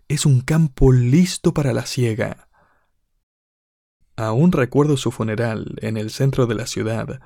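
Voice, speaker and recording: A man delivering a sermon in a warm, mellow voice. He speaks in a measured, deliberate way and leans on rhetorical questions for emphasis. The recording is dry and close, with no room sound. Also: medium pitch, gravelly, dry recording. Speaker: preacher.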